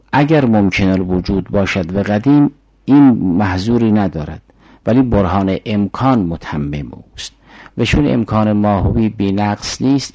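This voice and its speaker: A man's voice: lowish voice, dark tone, slightly rough, dry recording, poor audio. An older man giving a formal philosophy lecture, explaining arguments step by step and reciting Arabic syllogisms.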